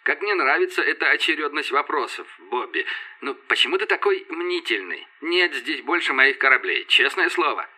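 A male narrator voicing a calm, teasing male fleet commander who speaks evenly. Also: on the high side, heavily acted. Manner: calm, unhurried.

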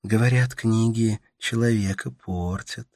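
A man voicing a gentle, caring young woman in an audiobook, in a soft, soothing, sing-song manner. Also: lowish voice, fairly even intonation, unhurried, gravelly, dry recording, studio quality, voice pushed up. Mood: wistful. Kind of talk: audiobook character voice.

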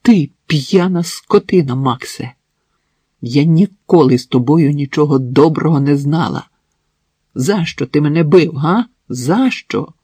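A high, shrill voice of a cornered, desperate woman clutching a knife, as a male audiobook reader puts her on. She cries out in hysterical bursts, loud and strained. The tone is a little husky, recorded close and dry. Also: animated, unhurried, dry recording. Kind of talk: audiobook narration.

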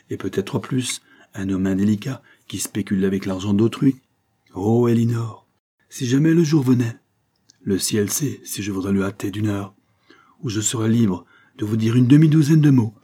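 A man's voice: lowish voice, moderate pace, warm tone, husky. A man reading the part of a bitter, impassioned young lawyer husband in an audiobook, pleading and reproachful. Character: brooding young male lawyer, wounded husband.

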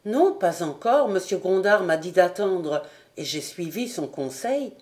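A woman's voice: fairly low pitch, expressive, unhurried, darkish tone. A woman reading the part of a shy but earnest poor boy apprentice in an audiobook, eager and a little flustered. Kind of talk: audiobook character voice.

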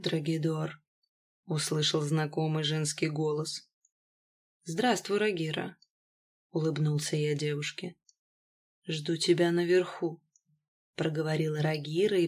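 A woman narrates a first-person fantasy novel as an audiobook. Her reading is even and measured, moving through the scene at a steady storytelling pace. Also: low-pitched, slightly rough. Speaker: audiobook reader.

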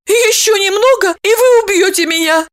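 A woman reading an audiobook, voicing a tearful, easily offended woman who speaks high and squeaky. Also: expressive, slow pace, a bit bright, exaggerated voice. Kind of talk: audiobook character voice.

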